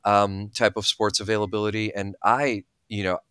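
A man's voice: on the low side, little pitch movement, moderate pace, a bit bright, clean tone, no room sound, clean studio sound. A man in his thirties, originally from Bulgaria, talking candidly as an interview guest. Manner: thoughtful, candid, many fillers. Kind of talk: casual interview talk.

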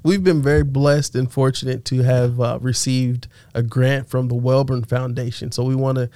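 A man's voice: mid-range voice, level tone, moderate pace, warm tone, dry recording. A man co-hosting a casual faith discussion, affirming his partner with short agreeing replies.

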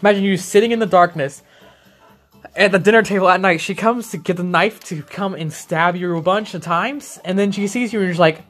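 A man's voice: high-pitched, a little fast, a bit bright. A young man co-hosting a let's play, rambling through silly jokes and giggling often. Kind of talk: casual gaming chat. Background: video game music.

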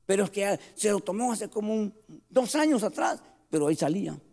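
A man preaching a sermon with passion, shouting at the peaks and dropping to quiet storytelling, often calling the listeners "brother". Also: high-pitched, expressive, fairly quick, gravelly, big-room sound. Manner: addresses listeners as "hermano" often. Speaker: pastor.

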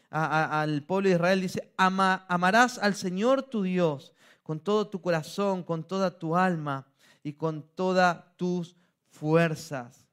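A man's voice: sits high, fairly bright tone. A man preaching a sermon as pastor, often checking in with "¿sí?" and restarting phrases. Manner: repeats "¿sí?" to the congregation, restarts phrases.

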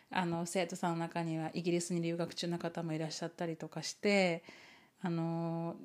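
A woman's voice: on the low side, a little mellow. A woman chatting casually and unscripted as an online teacher and video host, switching between two languages and repeating herself in both. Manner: chuckles now and then while talking. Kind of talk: casual rambling chat to camera, unscripted.

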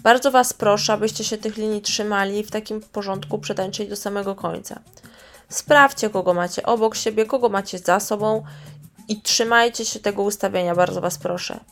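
A woman voicing a male samba troupe coordinator who gives loud, instructive orders to dancers. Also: sits high, fairly even intonation, a little fast. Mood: instructing.

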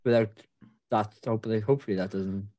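A man's voice: fairly low pitch, fairly even intonation, fast, warm tone. A man co-hosting a casual film-review podcast, hesitant and full of ums. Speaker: podcast co-host.

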